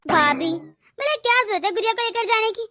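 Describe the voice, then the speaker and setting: A woman's voice: very high-pitched, animated, brisk, a crowd in the background. A woman voicing a sweet-talking but scheming sister-in-law. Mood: sugary.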